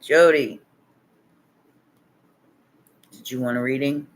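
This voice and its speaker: A man's voice: mid-range voice, fairly even intonation, fairly quick. A man giving a casual livestream tarot reading, laid-back and chuckling as he rambles, sounding tired with his voice nearly worn out. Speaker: tarot reader.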